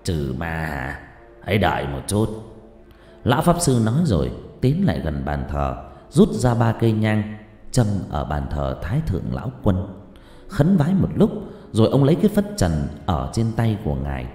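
A man's voice: lowish voice, wildly swooping pitch, moderate pace, mellow. A man narrating a scripted horror story with dramatic delivery. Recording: echoey hall reverb with music.

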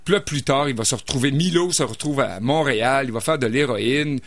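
A man's voice: medium pitch, brisk, a bit bright, dry recording. Chatty man reviewing books. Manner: chatty, hesitant, with many fillers and restarts. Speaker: book reviewer. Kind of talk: casual radio book review.

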